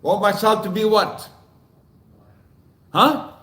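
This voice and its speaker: An older man with a high-pitched voice lectures a congregation in a mosque hall, lively and quizzing his listeners with repeated questions. The sound rings around an echoey hall. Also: slow pace. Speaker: mosque speaker.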